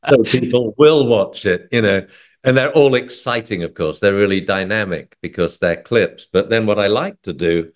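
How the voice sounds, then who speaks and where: A man, a dog trainer talking as a guest in an interview, telling lively stories and acting out voices. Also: lowish voice. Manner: lively storyteller, acts out dog and owner voices. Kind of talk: casual interview talk.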